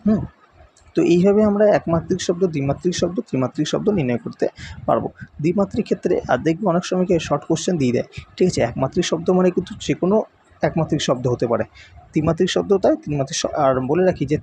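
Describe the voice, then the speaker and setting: A man's voice: a little high, very fast, vocal fry, mellow, a little hiss or hum. A man explaining a science lesson, patient and repetitive, checking in often with his listeners. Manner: patient, repeats points with frequent check-ins. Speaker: teacher. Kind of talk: classroom explanation.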